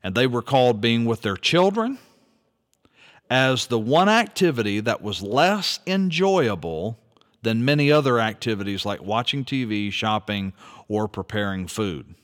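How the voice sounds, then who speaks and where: A man's voice: mid-range voice, expressive, long reverb tail. A man giving an earnest, reflective monologue, reading from an article and posing rhetorical questions. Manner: earnest, rhetorical questions, slow deliberate delivery. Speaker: speaker commenting on an article.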